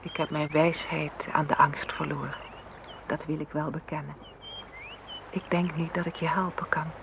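In a poetic Dutch radio play, a man voices a wistful, anxious flowing stream. His voice is fairly high, creaky and flat, at a moderate pace, captured on a noisy old recording.

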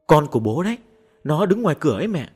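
A man voicing a sulky, clingy little ghost girl in a high, tearful childish voice. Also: big pitch swings, fast talker, a little mellow, breathy edge.

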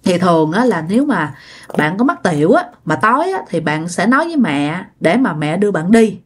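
A woman's voice: lowish voice, big pitch swings, fairly quick, husky. A woman with a Southern Vietnamese accent, chattily retelling a listener's ghost story and repeating words for effect.

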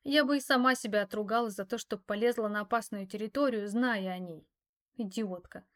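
Woman reading a first-person story out loud, expressive, a bit wry, mid pitch. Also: a little fast. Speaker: audiobook narrator.

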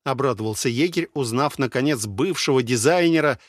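A man narrates an audiobook in an even, measured reading of a script. His voice is medium-pitched, and the studio-quality recording has no echo.

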